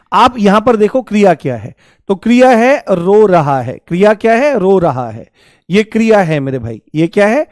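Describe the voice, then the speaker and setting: High-voiced teacher drilling grammar. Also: male voice, darkish tone, dry recording, clean studio sound. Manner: repeats examples, coaxing students with rhetorical questions. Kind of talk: online grammar lesson.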